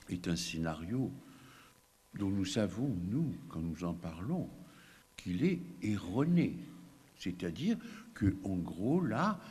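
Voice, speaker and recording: A man, a child psychiatrist, gives an animated, emphatic conference lecture with asides to the audience. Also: lowish voice, husky. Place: lecture hall. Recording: long hall reverb, faint background noise.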